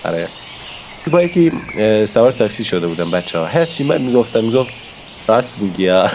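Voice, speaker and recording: Gaming YouTuber, male, low and a bit hoarse from a cold; excitable, talks straight to viewers. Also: music in the background. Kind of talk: casual gameplay commentary.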